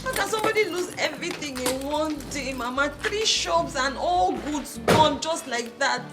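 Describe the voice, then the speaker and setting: An actress with a Nigerian accent playing a distraught young daughter, pleading and emotional, in a film drama. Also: female voice, sits high, lively intonation, normal speed, music in the background. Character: distraught young woman, grieving fiancé's loss. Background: film score.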